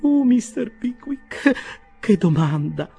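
Man putting on a high, loud landlady voice, breathless, swooning, slow and drawn out, audiobook reading. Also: big pitch swings, gravelly, slightly rough, soft background music, exaggerated voice. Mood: fluttering. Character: flustered gushing middle-aged landlady.

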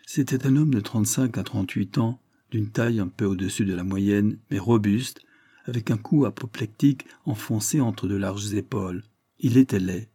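Man, audiobook narrator, measured, husky, low voice. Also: warm tone. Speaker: audiobook reader. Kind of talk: scripted first-person narration.

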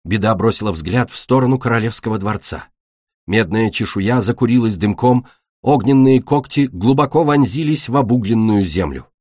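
A man narrating a fantasy audiobook with expressive storytelling. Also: fairly low pitch, moderate pace, no echo, studio quality.

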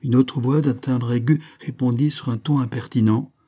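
Male audiobook narrator, dark and husky, measured novel reading. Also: mid-range voice, steady tone. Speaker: audiobook reader.

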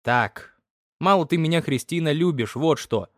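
A man's voice: on the high side, expressive, normal speed, no room sound, studio quality, natural voice. A man voicing a gloomy, irritable young peasant man who grumbles moodily. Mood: sullen, grumbling. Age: young adult. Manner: grumbling, moody.

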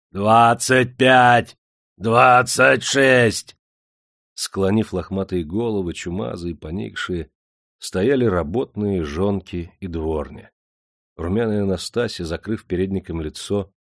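A man narrating an audiobook in a steady, measured storytelling manner. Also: deep voice, no room sound, clean studio sound.

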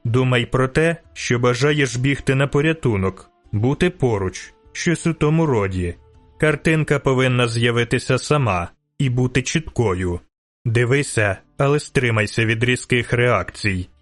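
A man voicing an ancient, enigmatic male elf sage in an audiobook, speaking in a measured, cryptic, instructive way. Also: medium pitch, animated, faint music behind, lightly acted. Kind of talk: audiobook character reading.

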